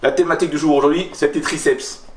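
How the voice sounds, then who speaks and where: A man's voice: a little high, fairly even intonation, fast talker, noisy background. A man in his forties, a fitness vlogger talking in a casual, hyped-up way in his home kitchen. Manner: enthusiastic, hyped-up. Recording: echoey room, voice from far off.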